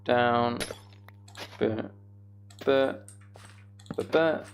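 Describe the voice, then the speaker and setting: Speaking very slowly in a mid-range voice, this man hosts a live gaming stream, chatting loosely with his audience and muttering his way through each step of what he's doing. Computer keys clack and click clearly in the background.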